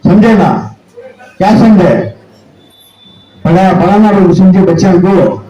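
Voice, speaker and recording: A man's voice: high voice, takes it slowly, dark tone, echoey room, dull audio. A man giving an earnest public speech at a school function, urging parents to educate their children. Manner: earnest, exhorting, repetitive pleading. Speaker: school society speaker at prize distribution.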